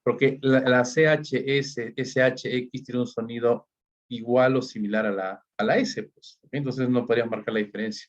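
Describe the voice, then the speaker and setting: Peruvian guy teaching english grammar, mid pitch voice, says ok? all the time, muffled recording. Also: steady tone. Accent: Peruvian Spanish. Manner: checks in constantly with "¿ok?" and "¿no?"; switches between Spanish and slowly spoken English examples. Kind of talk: grammar lesson. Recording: dull lo-fi recording.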